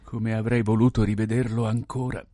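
A man playing a tearful, gentle husband. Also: on the low side, little pitch movement, fairly quick, no room sound, natural voice. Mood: sorrowful. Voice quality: soft, tearful, plaintive. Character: grieving gentle young husband, mild-mannered. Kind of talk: audiobook character voice.

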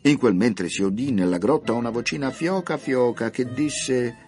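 A man narrating a story for radio with an expressive, theatrical reading. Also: medium pitch, normal speed, faint music behind.

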